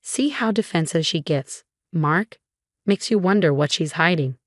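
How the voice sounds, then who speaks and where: A woman's voice: lowish voice, expressive, a little slow, dry recording, studio quality. A woman voicing a scheming, smug young sister-in-law who talks with sweet, fake innocence, in a storybook narration. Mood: smug venomous. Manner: sweetly venomous, feigning innocence.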